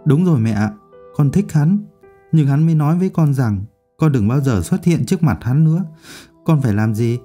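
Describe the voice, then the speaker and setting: A man's voice: mid-range voice, animated, normal speed, warm tone, soft background music, natural voice. A man voicing a hot-tempered lovesick college girl. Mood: tearful. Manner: outbursts, pleading. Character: young female student, hot-tempered and lovesick.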